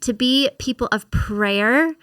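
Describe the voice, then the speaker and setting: A woman co-hosting a faith podcast, telling a story in an animated, chatty way on a close mic. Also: a little high, slow, clean tone, dry recording. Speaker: podcast co-host.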